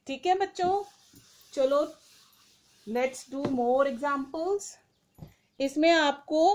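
Woman, teacher, children's grammar lesson, high voice, very slow word-by-word dictation. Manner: asks questions and answers them herself.

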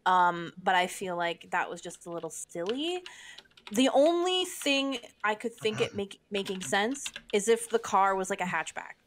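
A woman co-hosting a podcast in casual chat, blunt and animated, swearing and joking freely. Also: mid-range voice, normal speed, slight background noise. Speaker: podcast co-host.

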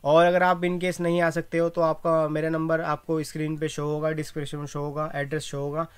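A young man who owns a wholesale shop, showing his goods and quickly rattling off prices while agreeing often. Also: fairly high pitch, completely flat delivery, smooth, no echo. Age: young adult. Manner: rapid salesman patter, rattles off prices; repeats "haan ji" agreement. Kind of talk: product walkthrough. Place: cramped indoor bag shop.

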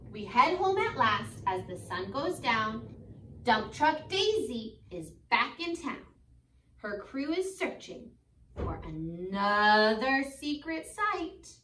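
A preschool teacher in her twenties reads aloud to young children in an expressive, sing-song voice that sits high, asking questions and waiting for their answers. She's recorded in an indoor school classroom by a camera a few metres away, so the room sounds echoey and the mic distant.

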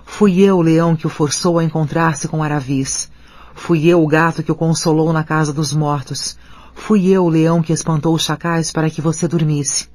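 A man voicing a great male lion who speaks slowly and gravely. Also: a little high, steady tone, darkish tone, no echo, lightly acted. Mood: solemn. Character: great male lion, deep, solemn and gentle.

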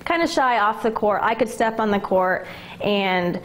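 A woman's voice: medium pitch, lively intonation, measured pace, a bit bright. Candid young woman in an interview. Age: 20s. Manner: candid, emotional, with fillers like "like" and "um". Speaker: former college basketball player. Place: indoor gym locker room.

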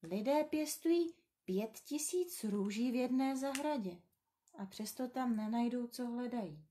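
A woman voicing a gentle, curious little boy prince in a storybook reading, soft and earnest. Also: on the high side, animated, natural voice. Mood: thoughtful.

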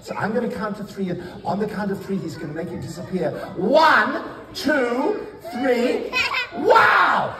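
An older Englishman delivers fast, playful, theatrical kids' party magician patter with few pauses, teasing children as he gives them instructions in a live comedy stage show. His voice is high. An audience member's phone camera several metres away captures him in an echoey, wood-panelled indoor council chamber full of noisy children and adults.

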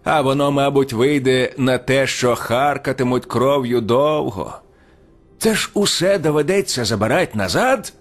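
A man voicing a sharp-tongued, mocking old village man in an audiobook. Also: medium pitch, expressive, unhurried, faint music behind, voice pushed up. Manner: mocking, sarcastic. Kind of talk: audiobook character reading.

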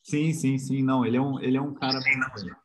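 Slight background noise accompanies this informal online physics lecture by a man with a Brazilian Portuguese accent. He talks quickly at a medium pitch, relaxed and conversational, often pausing hesitantly and using tag questions.

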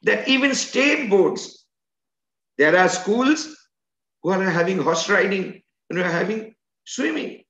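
A man's voice: high-pitched, animated, unhurried, fairly bright tone. An older man, an educator, giving an earnest and emphatic online lecture over a video call from a room at home. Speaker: educator and trainer. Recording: roomy, dull video-call audio.

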